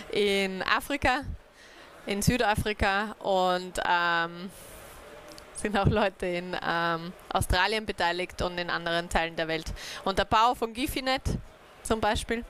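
A young woman speaks slowly in a mid-range, slightly bright voice, with a little hiss or hum in the recording. A native speaker with German as her first language, she gives a hesitant, filler-heavy informal talk on community networks to a small group from the stage of a dark event room.

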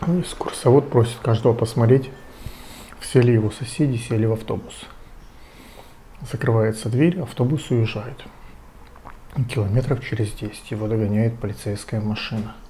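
A man in his forties reading out short jokes informally, in a low-key way with pauses. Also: dark tone, slight background noise. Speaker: joke teller. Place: home kitchen, indoors.

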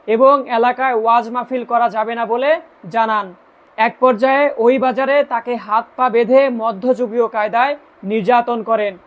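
A woman's voice: fairly high pitch, dull audio. A woman with a Bangladeshi accent presenting scripted news and commentary, addressing viewers directly in an emphatic way.

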